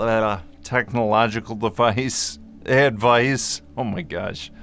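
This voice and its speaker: With a low-sitting, resonant voice that's clear and fairly bright, a man vlogs to camera through a microphone in front of him. He's casual and easygoing as he explains a topic, revising what he says mid-stream and joking aside.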